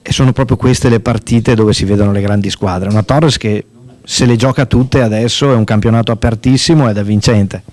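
A man's voice: on the low side, fairly quick, darkish tone. A man asking brief leading questions in post-match football interviews. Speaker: sports interviewer.

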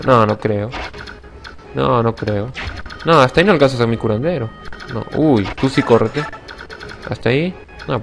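A young man giving casual let's-play commentary, excitable and swearing, shouting when attacks miss. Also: mid-range voice. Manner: excitable, swears a lot, sudden shouts at misses. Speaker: gaming channel host.

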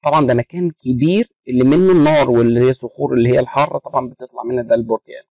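A man's voice: mid-range voice, expressive, rapid-fire, vocal fry, a little mellow, no room sound, rough recording. A man with an Egyptian Arabic accent teaching an English vocabulary lesson to school students, reading word lists aloud and explaining each meaning.

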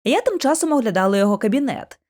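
Lively woman reading an audiobook. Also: fairly high pitch, very fast. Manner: animated, expressive. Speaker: audiobook narrator. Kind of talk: bedtime audiobook narration.

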